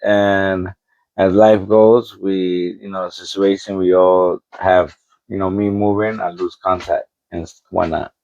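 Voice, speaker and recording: A man's voice: low-pitched, flat delivery, a little slow, a little mellow, dry recording, lo-fi sound. A man from the Bronx, giving short, hesitant interview answers with restarts. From the Bronx, New York, United States. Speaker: interview guest.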